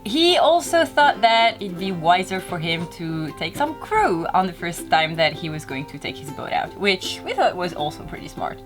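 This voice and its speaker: A woman's voice: on the low side, sing-song, moderate pace, few pauses. Sick lady vlogger w/ a stuffy nasal duck voice, telling a story, guitar music behind her. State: sick with a cold. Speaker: sailing vlog host. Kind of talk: presenting to camera and storytelling.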